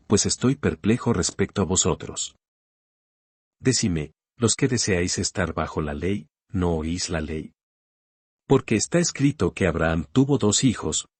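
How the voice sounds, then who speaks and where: A man reading scripture from a script as a Bible narrator, in a solemn, booming biblical narration manner with a husky voice. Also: a little mellow, no room sound.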